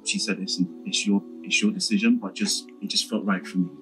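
Low, flat-voiced London man, hesitant. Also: brisk, music in the background, low-quality recording. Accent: London English. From England. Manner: hesitant, repeats words while thinking. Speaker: interviewee, local councillor. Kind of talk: casual personal account.

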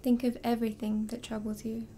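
A woman hypnotist leading a slow, soothing induction, drifting in and out of a whisper. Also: a little high, level tone, dark tone.

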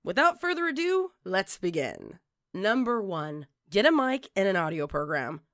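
A woman narrates a scripted tutorial, offering tips in a measured, instructional manner like an online presenter. Her medium-pitched voice is sing-song and a bit bright, recorded in studio quality with no echo.

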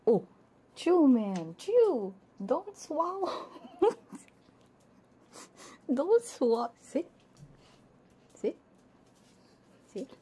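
With a high-pitched, dark-toned voice, big pitch swings and an extremely slow pace broken by frequent pauses, a woman ASMR VTuber chats on a live stream. She's giggly, doting and playful, often whispering and cooing to her pet dogs. She uses a binaural 3Dio ASMR microphone, and faint background noise is audible.

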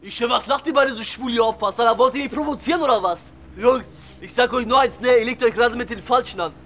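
A man's voice: very high-pitched, fast, fairly bright tone. Man doing a brash, broken-tough guy. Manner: aggressive street slang, broken German, "ich, äh" tic. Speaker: comedian. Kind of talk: comedy character rant.

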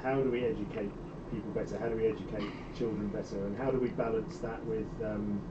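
A man's voice: lowish voice, steady tone, fast talker. A distant, hesitant man in a roomy space. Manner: hesitant, filler-heavy. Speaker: question reader. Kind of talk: live-stream chat. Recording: distant roomy muffled mic, air-conditioning hum.

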